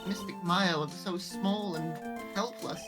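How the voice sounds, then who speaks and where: A woman voicing a polite, earnest eight-year-old girl in a fan voice-over of a game, with soft background music. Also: fairly low pitch, measured pace. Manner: innocent, formal, polite.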